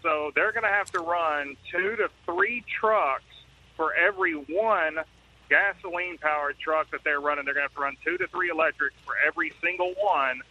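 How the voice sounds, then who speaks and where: A man's voice: fairly high pitch, normal speed, bright, forceful tone. Man calling in by phone. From Texas. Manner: earnest, explaining at length. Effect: heard over the phone. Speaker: caller, truck driver. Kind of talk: call-in talk radio chat. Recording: muffled phone line.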